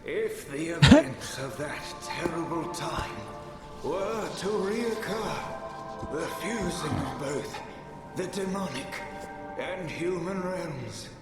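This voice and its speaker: A man's voice: fairly high pitch, lively intonation, slow. An actor playing an old man who gives a solemn, formal church sermon in a video game cutscene. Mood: solemn preaching. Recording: echoey hall under loud music.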